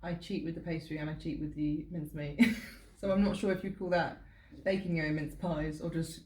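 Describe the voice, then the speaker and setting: A woman co-hosting a casual chat, enthusiastic and quick to laugh. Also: sits low, steady tone, dark tone. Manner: chatty and enthusiastic, laughs often. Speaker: co-host. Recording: roomy with faint background noise.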